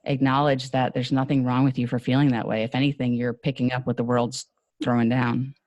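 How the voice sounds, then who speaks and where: A woman with a New York accent, talking casually as a podcast guest, animated and quick to laugh with fast asides. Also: extremely low pitch, no room sound, dull audio. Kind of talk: casual conversation.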